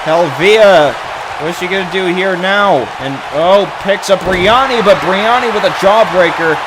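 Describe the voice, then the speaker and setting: A man working as a wrestling commentator, giving excited, exclamatory play-by-play in halting bursts with mild slangy expletives. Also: sits high, crowd noise, noisy background.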